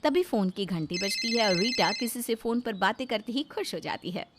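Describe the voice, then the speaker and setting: A woman narrating a storybook in an even, explanatory way. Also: mid-range voice, moderate pace, slight background noise.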